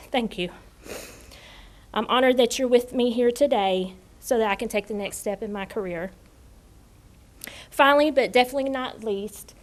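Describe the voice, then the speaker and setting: A woman's voice: fairly high pitch, a little mellow. A woman with a Tennessee accent giving an earnest, formal prepared thank-you speech as a new assistant principal. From Tennessee, United States. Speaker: newly appointed assistant principal.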